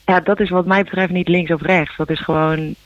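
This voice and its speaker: A woman, a musician guest, talking earnestly and reflectively in halting phrases, heard over a phone line in a radio interview. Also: fairly low pitch, fairly even intonation, dry recording. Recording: dull dry phone line.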